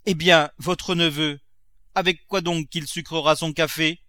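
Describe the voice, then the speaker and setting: A man's voice: a little high, steady tone, a little slow, sharp tone, no room sound, voice pushed up. A man voicing an old countrywoman servant, loyal and stubborn, who talks in a rustic, bold and familiar way. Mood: pleading, protesting. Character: blunt elderly woman servant, loyal and stubborn.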